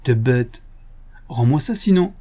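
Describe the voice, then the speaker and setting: A man's voice: medium pitch, lively intonation, measured pace, warm tone. A man reading the part of an angry, outwitted police inspector who barks orders in an audiobook.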